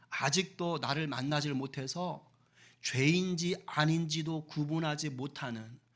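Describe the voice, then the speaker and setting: A man puts on a tender God figure, voice dropped low and warm in tone, asking patient questions. Each line is a soft plea. It is part of a spoken sermon retelling. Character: gentle fatherly God pleading with a sulking prophet.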